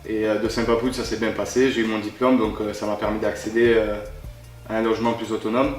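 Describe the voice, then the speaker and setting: A young man with a fairly low voice tells his story steadily, with a few fillers. The room adds a clear echo. Faint music sits behind him. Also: level tone, brisk. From Montpellier, France. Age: young adult. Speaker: young resident. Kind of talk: casual interview.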